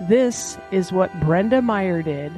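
A woman's voice: on the low side, expressive, slow, mellow, soft background music. A woman hosting a casual outdoor podcast from a small cabin, talking in a chatty, folksy storytelling way. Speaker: podcast host. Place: small lakeside cabin, indoors.

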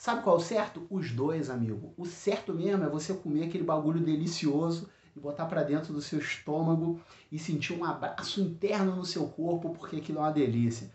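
A man from Rio de Janeiro with a Carioca accent, hosting a solo podcast of blunt, profane rants and often filling pauses with "é". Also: a little high, darkish tone, echoey room. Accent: Carioca Brazilian Portuguese. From Rio de Janeiro, Brazil. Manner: blunt, profane, frequent filler "é". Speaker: podcast host. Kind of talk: solo complaint podcast rant.

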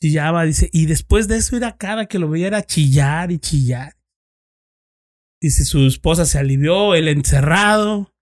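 A Mexican-accented man with a somewhat high voice, speaking at normal speed, is a former police investigator telling friends a story in casual conversation. He swears freely and acts out both sides of the dialogue.

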